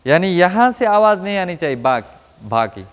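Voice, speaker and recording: A man from Rajasthan teaching Quran pronunciation to a class, asking questions and modeling each sound slowly. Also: high-pitched, sing-song, long reverb tail. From Rajasthan, India. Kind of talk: classroom lesson.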